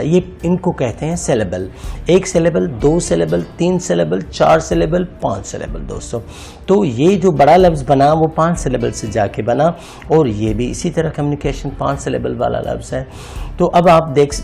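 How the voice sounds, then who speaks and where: Male teacher, gravelly voice, unhurried, patient, breaks words into syllables, soft guitar music behind. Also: mid-range voice. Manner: addresses viewers as friends. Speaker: English teacher. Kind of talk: explaining a grammar lesson over slides.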